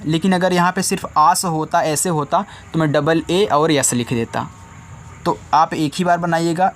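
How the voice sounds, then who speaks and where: Guy teaching kids spelling, kinda high voice, slow and patient, bit of hiss behind. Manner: patient, repeats each letter slowly for children. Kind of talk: step-by-step spelling lesson.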